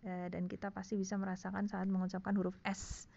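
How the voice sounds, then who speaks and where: A woman's voice: mid-range voice, completely flat delivery, fairly quick, gravelly, dark tone, muffled recording. A woman teaching a recorded lesson, explaining casually and checking in often with her listeners. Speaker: Quran recitation teacher. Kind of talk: screen-recorded online lesson.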